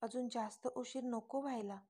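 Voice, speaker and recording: A confident young lover who teases and corners the girl with pointed questions, smirking as he talks, read by a woman storyteller. The voice sits a little high, kept close to her own reading voice. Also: fairly even intonation, normal speed, dark tone, breathy edge. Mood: teasing. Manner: teasing, smirking, pressing questions. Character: teasing confident young man in love.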